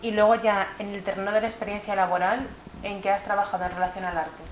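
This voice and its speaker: A woman's voice: medium pitch, flat delivery, quick pace. Woman interviewer with faint background hiss. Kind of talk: local TV interview.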